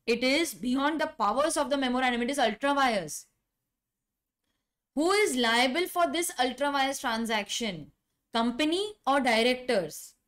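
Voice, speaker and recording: A middle-aged woman with an Indian accent teaches law in a live online class, her high-pitched voice unhurried and fairly bright. She speaks emphatically, repeating key phrases and posing questions to her students.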